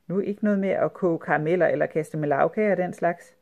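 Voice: mid-range voice, creaky, lo-fi sound, lightly acted. Stern mother voiced by the narrator, suspicious, lecturing, firm. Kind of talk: storybook reading.

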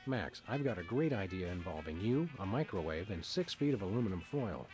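Cartoon game dog detective: wry, deadpan, low register with lively inflection. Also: male voice, brisk, soft background music. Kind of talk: cartoon video game acting.

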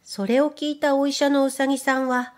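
A woman reader and voice trainer who narrates children's stories in a gentle, careful way. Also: high voice, little pitch movement, fairly quick. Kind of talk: storybook narration.

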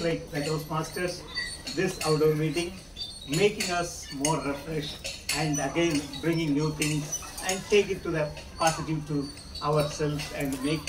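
A middle-aged man, halting with fillers as he opens a club meeting in an open-air pavilion, recorded by a far camera. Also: a little high. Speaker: presiding officer of a speaking club meeting. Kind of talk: opening remarks at a club meeting. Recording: roomy, distant, with loud background noise.

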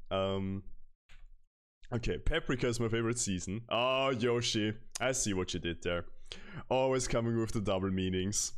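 A young man from Austria chatting casually with his stream chat while playing, laughing often and answering questions. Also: on the low side. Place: small room at home, indoors. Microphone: headset microphone.

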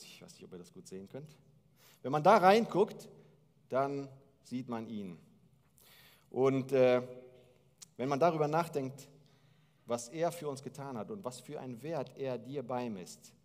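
Pastor, man, 40s: lively sermon delivery on stage, reverberant hall. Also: mid-range voice. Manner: lively, gesturing storyteller.

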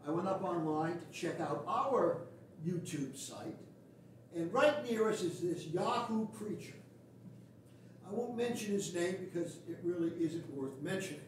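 A man's voice: sits high, animated, unhurried, far from the mic, a little hiss or hum. Older male pastor preaching in an echoey church. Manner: blunt, folksy and sarcastic. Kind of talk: sermon. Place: small wooden church sanctuary. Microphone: far camera at the back of the pews.

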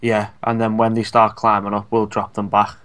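A young man with a Scouse accent chatting casually while playing a co-op strategy game, relaxed and hesitant, with many fillers. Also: lowish voice, normal speed, smooth. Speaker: co-op gameplay commentator. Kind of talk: casual gaming chat.

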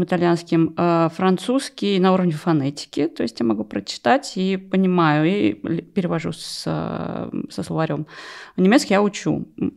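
Close on a stand-mounted mic in a small, furnished podcast studio, a middle-aged woman from Russia shares personal stories in an interview. She works as an opera rehearsal pianist. Her lowish, creaky, slightly mellow voice turns wry and self-deprecating as she keeps correcting herself.

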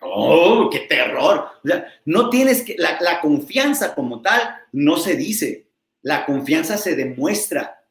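Mexican man, sales coach, energetic, fairly high voice, roomy echo. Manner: energetic, quick, acts out customer dialogues. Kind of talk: live sales coaching talk.

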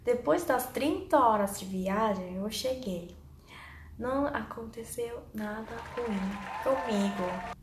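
A young woman with a Korean accent chats to camera like a casual storyteller. She speaks slowly, in simple, careful second-language phrasing. The room gives her voice a clear echo, with faint noise behind it. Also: fairly high pitch. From South Korea. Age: young adult. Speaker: vlogger. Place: small bare indoor room.

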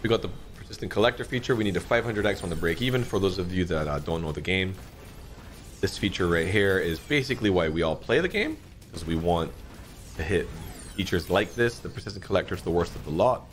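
A man in his thirties giving casual, excitable commentary while playing an online slot game, often swearing and jumping up in pitch at big moments. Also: brisk, slight background noise. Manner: excitable, swears a lot, frequent pitch jumps. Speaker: slot streamer. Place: dim home streaming room, indoors.

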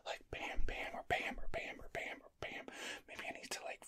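A young man in a whispered role-play, fast aggressive ASMR, as an angry, exasperated guy repetitively demanding attention. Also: bright, forceful tone. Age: young adult.

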